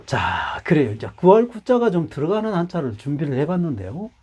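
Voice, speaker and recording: Lively low-toned man teaching characters. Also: a little fast, husky. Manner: explains patiently with many repetitions. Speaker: Hanja teacher. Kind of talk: lively lecture explaining Chinese characters.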